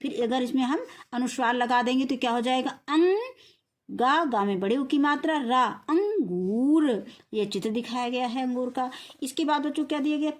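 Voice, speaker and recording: A woman's voice: sits high, fairly even intonation. A woman teacher giving a recorded reading lesson for young children, sounding out words syllable by syllable and answering her own questions. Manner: slow syllable-by-syllable spelling out words; asks questions and answers them herself. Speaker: primary school teacher.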